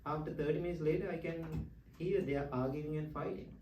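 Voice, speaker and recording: A man's voice: a little high, fairly even intonation, brisk, dark tone. A man, a Buddhist monk teacher, telling personal stories in a dharma talk with a chuckle and simple, broken English. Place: retreat meditation hall. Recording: roomy echo, distant mic, faint hiss.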